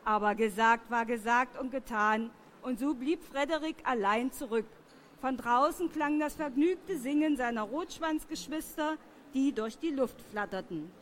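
A woman's voice: high-pitched, slight background noise. A woman reading a children's story aloud to a group, often turning to ask the listeners questions. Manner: slow, lively, asks the children questions.

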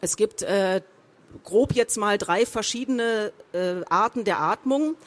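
A woman explains reading technique in a clear teaching tone. She breaks off now and then to demonstrate emphasis and pitch on sample sentences, speaking as an experienced professional speaker. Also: slow. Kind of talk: spoken lesson with read example sentences.

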